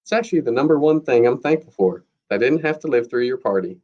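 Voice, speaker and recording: A man's voice: medium pitch, animated, fast, darkish tone, close to an everyday voice. A man reading aloud, voicing a sarcastic, blunt boy classmate in a storybook, on a dull lo-fi recording.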